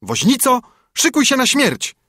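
A tiny sparrow, fierce and out for revenge, taunts in a high, shrill cry, as a man puts him on. The voice is a little husky, and the dry recording stays close and plain. It is a storybook reading. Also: wildly swooping pitch, normal speed, a bit bright, dry recording, heavily acted. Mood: threatening. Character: small fierce vengeful male sparrow.

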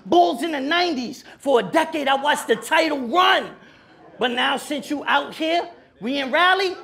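On an indoor club stage before a live crowd, a male battle rapper in his thirties performs a cappella in a very high voice with vocal fry. He aggressively taunts his opponent, shouting and repeating bars laced with Spanish slang.

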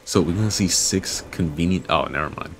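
A man's voice: low-pitched, fairly quick, vocal fry. A young man casually commentating a video game playthrough, rambling to himself and swearing freely. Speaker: gaming video creator. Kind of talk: casual let's-play commentary.

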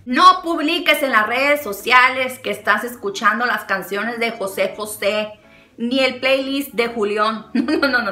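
Bright, high-voiced Mexican woman vlogger. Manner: animated, laughs often, acts out quotes. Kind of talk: chatty storytelling and advice. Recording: echoey room with faint music.

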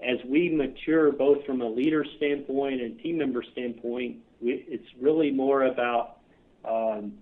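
A man's voice: mid-range voice, steady tone, a little slow. A man with a Midwestern American accent, a clinic chief executive answering podcast questions earnestly, with many filler "uh"s. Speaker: clinic CEO guest. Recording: tinny phone line.

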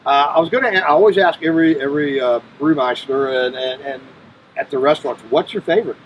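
A middle-aged man hosting a casual interview, easygoing and halting, often repeating words, on an outdoor patio. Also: a little high, a little hiss or hum, rough recording. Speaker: host. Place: outdoor patio by a brick wall.

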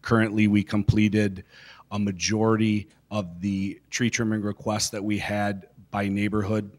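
A middle-aged man giving a measured, formal report to a city council into a handheld mic in a council chamber. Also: fairly low pitch. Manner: measured, steady bureaucratic delivery. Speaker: city public works staff reporting to council. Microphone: handheld microphone.

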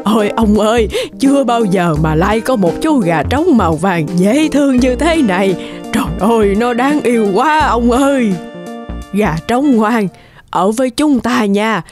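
Lady doing a sweet old granny type, fussy, higher voice, music behind. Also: expressive, a little slow. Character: kind poor old farmer's wife.

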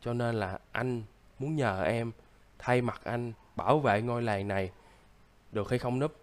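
A man's voice: mid-range voice, a little slow, a crowd in the background, lightly acted. A man voicing a sick young man who acts as a stern, lecturing big brother, coughing now and then, in casual game role-play.

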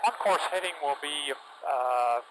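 A man's voice: a little high, measured pace, background noise. An older man piloting a small plane, making radio calls and chatting through an aviation headset intercom. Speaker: private pilot. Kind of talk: radio calls and cockpit chat. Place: inside a small propeller plane. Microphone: aviation headset boom mic.

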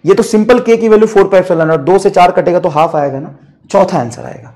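A man's voice: high-pitched, brisk, mellow. A man teaching physics in an online lecture, bluntly scolding his students.

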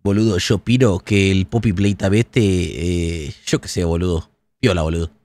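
A man's voice: low voice, fairly even intonation, moderate pace, a little mellow, soft background music, voice pushed down. A man putting on an exaggerated, imitated Argentine accent as a brash young guy, drawling slang. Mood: mocking.

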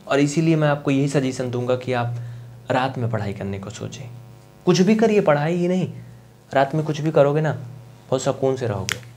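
A man's voice: mid-range voice, darkish tone, a little hiss or hum. A young man with an eastern Uttar Pradesh Hindi accent teaching a live online maths class, chatty and coaxing, often asking students to answer.

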